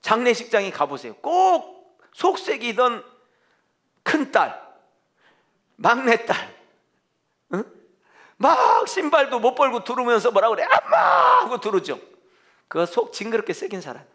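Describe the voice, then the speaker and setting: Male pastor, bright high voice, fervent sermon, swings up and down a lot. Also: sing-song, unhurried, long pauses. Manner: emphatic, fervent preaching with rhetorical questions to the congregation. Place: church.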